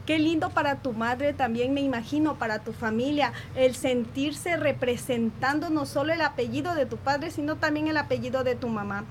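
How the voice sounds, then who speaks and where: High-voiced woman radio co-host. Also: normal speed, few pauses. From Ecuador. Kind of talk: interviewing on live radio. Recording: faint background noise.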